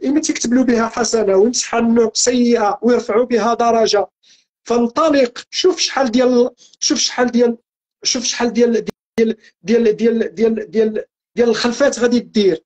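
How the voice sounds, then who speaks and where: A man's voice: very high voice, fast talker, darkish tone. Earnest Moroccan man preaching with repetition. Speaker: religious guest speaker. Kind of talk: spiritual teaching talk.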